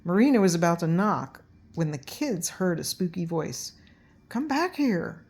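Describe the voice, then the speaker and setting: A woman's voice: fairly low pitch, lively intonation, normal speed, darkish tone. An older woman, a grandmother, reading a children's story aloud as narrator.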